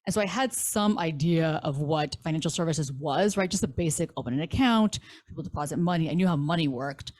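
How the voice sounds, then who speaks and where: A woman's voice: low-pitched, fairly quick, a little mellow. A woman in her thirties, a banker being interviewed, talking candidly about her career with self-deprecating humor. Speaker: guest, bank relationship manager. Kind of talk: casual interview chat.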